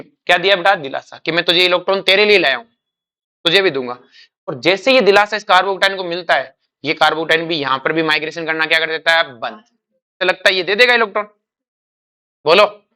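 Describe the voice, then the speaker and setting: A man's voice: high voice, bright, forceful tone, clear, resonant tone. A man teaching a chemistry class, quizzing his students with repeated questions and calling them beta. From India. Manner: acts out a crying carbocation and a comforting mercury.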